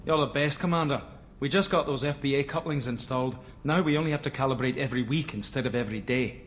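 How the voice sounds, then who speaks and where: An actor playing an eager, chatty male starship engineer in a video game, talking briskly about ship repairs. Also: medium pitch, slight background noise, lightly acted. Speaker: game character.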